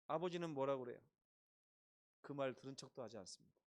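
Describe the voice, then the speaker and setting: A pastor over fifty preaching a sermon, acting out quotes with dramatic rises and drops in loudness. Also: male voice, brisk. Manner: dramatic, acts out quotes with big swings in pitch and loudness.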